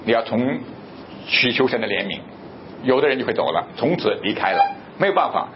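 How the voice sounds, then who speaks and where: A man preaching a sermon, asking questions and answering them himself, and reading scripture aloud slowly. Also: medium pitch, expressive, dull audio, background noise. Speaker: pastor.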